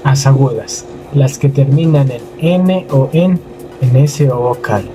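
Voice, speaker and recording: A man's voice: medium pitch, takes it slowly, rough recording. A young man reading a student class presentation, listing examples one by one. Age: young adult. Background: clear music.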